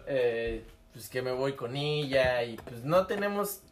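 A man's voice: medium pitch, animated, slow pace. A young man with a Mexican accent, co-hosting a podcast in casual, hesitant, laughing banter. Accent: Mexican Spanish. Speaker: podcast co-host. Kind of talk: casual chat. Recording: echoey room with faint music.

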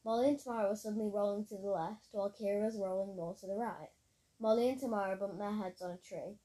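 A woman's voice: mid-range voice, steady tone, fast talker, warm tone, low-quality recording. A woman reading her own story aloud in a plain storytelling manner, with occasional slips. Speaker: narrator.

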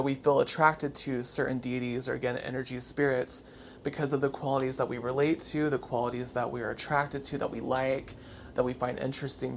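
A podcast host talking casually and solo with wired, chattery, over-caffeinated energy, swearing freely. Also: medium pitch. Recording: clear background noise.

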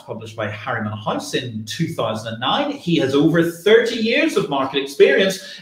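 Man, middle-aged, livestream host, highish voice, very animated intonation, effusive and wordy, echoey room. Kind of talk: presenting a finance livestream. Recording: roomy echo.

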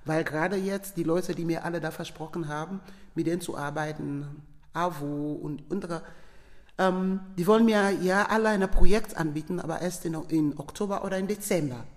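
A middle-aged woman from Sierra Leone, appearing as a guest, tells a personal story with feeling, animatedly acting out the quoted dialogue. Her voice is lowish, her pace moderate, and the audio has a long reverb tail.

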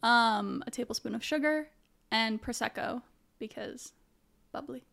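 Woman podcast cohost, kinda high voice, gravelly, chatty and laughy. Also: a bit bright. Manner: chatty, laughs a lot, quick asides. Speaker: podcast co-host. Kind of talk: casual chat.

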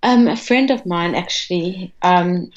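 Lower-pitched South African woman. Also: a little slow, dull audio. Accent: South African, Afrikaans-tinged. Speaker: podcast guest, non-profit founder. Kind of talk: conversational interview.

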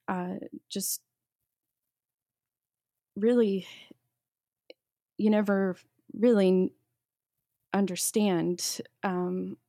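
A woman being interviewed, telling a personal story haltingly, with many restarts and fillers. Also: mid-range voice, vocal fry, warm tone, no echo, clean studio sound. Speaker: guest sharing a testimony.

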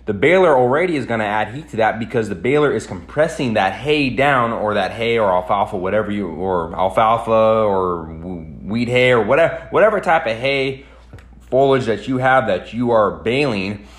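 Young male podcast host, slightly low voice, casual, rambling, circles back over phrases. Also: lively intonation, normal speed. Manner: rambling, repeats and restarts phrases. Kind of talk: casual chat.

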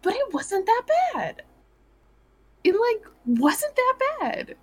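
A woman's voice: very high-pitched, very animated, slow, a little mellow. A woman co-hosting a casual podcast, who talks in a rambling, hesitant way with many fillers. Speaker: podcast co-host.

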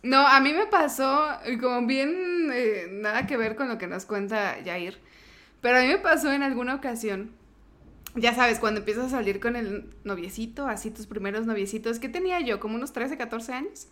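A woman's voice: a little high, expressive, normal speed, fairly bright tone. A young Mexican woman telling a story in casual podcast chat, laughing often as she talks. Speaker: podcast co-host.

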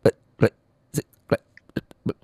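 A man's voice: slow pace, mellow, no echo. A man hosting a radio prank call, faking a choppy, cutting-out phone signal by stammering clipped syllables. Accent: Indonesian, Bandung area. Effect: choppy breaking-up phone signal, faked with stuttered syllables.

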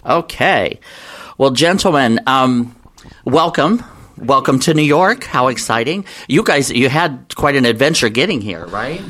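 Chatty American interviewer from the Midwest. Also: male voice, medium pitch, lively intonation, measured pace, a bit bright. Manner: chatty, laughs often. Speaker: show host. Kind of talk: casual interview.

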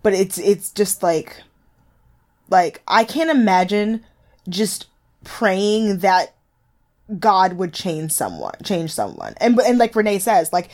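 A woman's voice: mid-range voice, big pitch swings, takes it slowly, a little mellow. Woman podcast co-host, blunt and sweary, casual recap chat. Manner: blunt, swears freely, many "like" fillers.

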